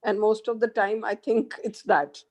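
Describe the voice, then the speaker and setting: A woman's voice: mid-range voice, little pitch movement, normal speed. A woman on a group call who describes her doubt in a searching way. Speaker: participant asking a question. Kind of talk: casual talk on a group call.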